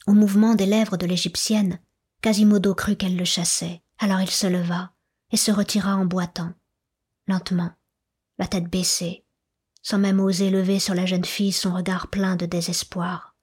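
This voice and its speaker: A woman reads a classic novel aloud in a soft, measured voice that drifts into whispers. Her tone is very breathy and husky. She keeps a flat, even delivery with little rise and fall. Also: on the low side. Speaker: audiobook narrator. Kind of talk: literary audiobook narration.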